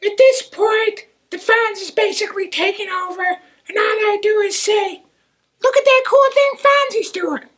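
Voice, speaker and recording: A performer voicing a squeaky, wholesome teenage boy puppet in a sitcom parody. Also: a little slow, a bit bright. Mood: resigned.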